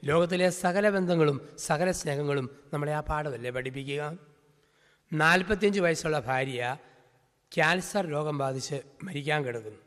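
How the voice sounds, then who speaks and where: A male priest delivers a storytelling sermon in a fairly high voice, stacking up vivid scenes in rhythmic lists. His words ring out with a long reverberant tail, as if recorded in a large hall. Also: moderate pace, a bit bright.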